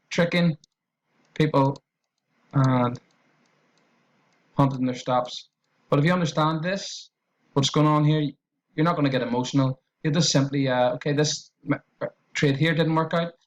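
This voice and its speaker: A trading educator with an Irish accent and a medium-pitched voice talks through an on-screen trading tutorial, and the recording is rough. His delivery is loose and repetitive, full of fillers and restarts.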